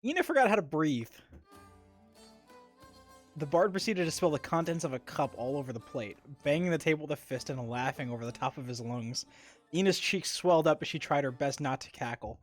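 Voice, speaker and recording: A man's voice: fairly high pitch, expressive, a little fast, faint music behind. Casting: male streamer voice reading story text, wry and conversational. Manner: wry narration with asides. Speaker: streamer narrating a game. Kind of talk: reading a visual novel aloud on live stream.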